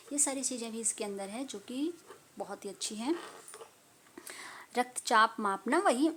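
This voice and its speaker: A woman's voice: fairly high pitch, slight background noise. A woman tutor talking casually to viewers while reviewing a medical book, chatty and teacherly, recorded on a phone at home. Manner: chatty, teacherly, laughs and apologizes often.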